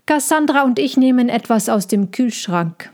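A woman's voice: a little high, expressive, normal speed, darkish tone, voice pushed up, close to an everyday voice. A woman reading a storybook aloud, voicing a proud man who speaks in a cold, clipped way while hiding his anger. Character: proud man, coldly offended.

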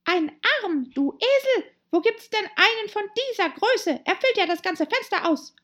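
Woman voicing a shrill scolding rabbit. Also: lively intonation, moderate pace. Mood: irritated. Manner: shrill, scolding, shouting commands. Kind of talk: audiobook character voice.

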